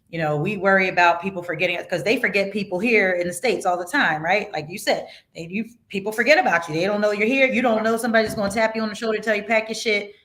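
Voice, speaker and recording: Woman podcast host, casual and animated, blunt and emphatic, cusses freely. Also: mid-range voice.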